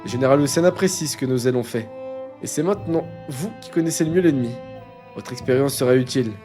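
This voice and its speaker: A man voicing a calm, scheming male army officer with a put-on island-style accent, explaining orders slowly and evenly while reading a manga aloud. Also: mid-range voice, over music, natural voice. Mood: measured. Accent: Caribbean-style put-on.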